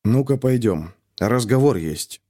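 A man voicing a gruff, domineering middle-aged police colonel who barks curt orders in an audiobook. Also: medium pitch, animated, measured pace, mellow. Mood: stern commanding. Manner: commanding, curt, mocking. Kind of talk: audiobook character voice.

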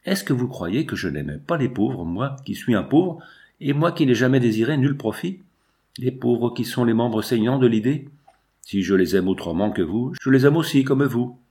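A man's voice: mid-range voice, expressive, warm tone, close to an everyday voice. Man reading as a cold, calculating strike leader. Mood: persuasive. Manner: measured, cool and persuasive. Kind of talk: audiobook reading.

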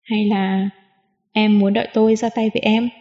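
A woman's voice: mid-range voice, flat delivery, normal speed, dark tone, close to an everyday voice. Woman reading a teasing playful young man. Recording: dull lo-fi audio with long reverb.

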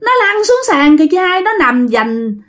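A woman's voice: high voice, big pitch swings, normal speed, a bit bright, pitched above the performer's own voice. Woman doing a frantic young mother. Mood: panicked. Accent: Southern Vietnamese. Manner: frantic, repeated calling. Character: panicked young mother calling for help.

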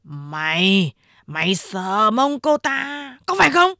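A woman's voice: mid-range voice, very animated, slow pace, bright, forceful tone, no room sound, clean studio sound, exaggerated voice. A woman voicing a crude, bullying gang boss man who threatens and swears. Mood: angry. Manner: gruff, bullying.

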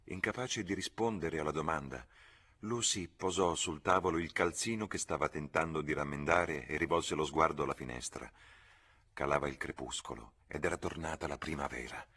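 A man reading a novel aloud, measured and expressive. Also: a bass voice, breathy edge. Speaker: audiobook reader. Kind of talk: literary reading.

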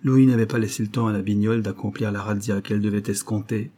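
A man narrating an audiobook in a sober, measured, grave manner. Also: lowish voice, fairly even intonation, warm tone.

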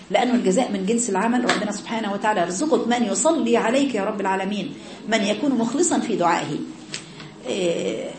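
A woman's voice: a little high, darkish tone, echoey room, a little hiss or hum. A woman with an Egyptian Arabic accent giving a religious lesson to women, exhorting her listeners with repeated rhetorical questions. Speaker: religious teacher.

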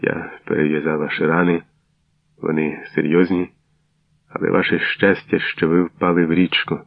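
A man's voice: deep voice, level tone, moderate pace, creaky. A man playing a reserved village doctor who speaks in a restrained, soothing way, in a dull, dry recording. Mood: calm. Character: calm, reserved middle-aged male village doctor.

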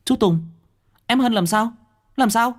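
A man's voice: mid-range voice, very animated, a little fast, warm tone. A man voicing an anxious, earnest young woman. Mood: alarmed.

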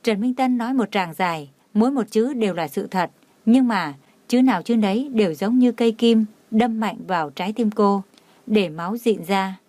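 A woman narrating a romance story in a steady, even storytelling manner. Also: medium pitch, normal speed, no room sound.

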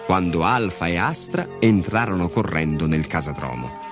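A man narrating a children's story with an expressive, dramatic reading. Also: low-pitched, normal speed. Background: music.

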